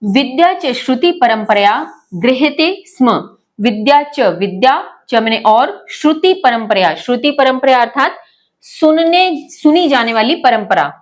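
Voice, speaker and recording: Patient woman teaching, higher voice. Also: animated. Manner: patient, slow and repetitive, asks pupils questions. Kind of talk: online lesson, explaining word by word.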